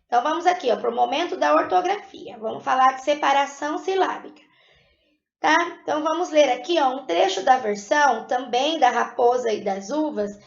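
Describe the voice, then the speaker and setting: Teacher lady, high voice, patient step by step, echoey dull lo-fi room. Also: a little fast, creaky. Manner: patient, explains step by step and keeps checking in with "tá?". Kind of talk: recorded lesson.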